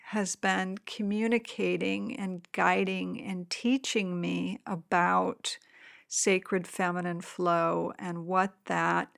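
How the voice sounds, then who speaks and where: A woman with a creaky voice giving a reflective spiritual talk and guiding meditation, with deliberate, pause-filled phrasing. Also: mid-range voice, fairly bright tone. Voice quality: creaky vocal fry. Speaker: meditation guide.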